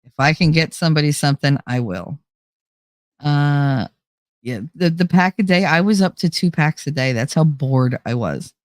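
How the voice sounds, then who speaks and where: With a deep voice, lively intonation and a moderate pace, a young adult woman hosts a livestream with no echo in the audio. She reads live comments in a chatty, rambling manner and laughs a lot. Her cold makes her a bit nasal, and she's close to a desk mic.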